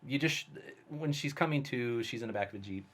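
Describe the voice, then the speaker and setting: A man, a guest filmmaker, telling a story in casual, animated conversation. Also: mid-range voice, brisk. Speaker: guest, special effects artist and filmmaker.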